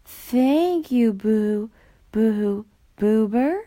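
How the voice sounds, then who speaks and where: A woman reading aloud lends her voice to a band of shy, polite storybook ghosts. They stammer and draw their words out, lifted higher and a touch louder than the narration. The recording is dry and close. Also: animated, measured pace, dry recording. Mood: grateful. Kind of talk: storybook character voice.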